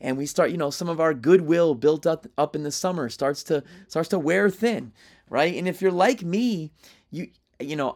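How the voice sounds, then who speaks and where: A man with a slightly higher voice gives an instructional talk to other teachers. He keeps it conversational, tosses in "right?" to check in, and often restarts his sentences.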